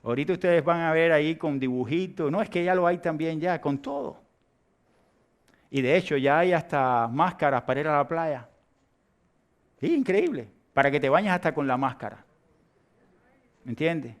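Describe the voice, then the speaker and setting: A man with a Cuban accent preaching a sermon and leading a closing prayer in church, swinging from hushed words to loud emphatic ones. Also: a little high, lively intonation, moderate pace, pauses often. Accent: Cuban Spanish. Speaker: pastor. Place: church sanctuary during a service.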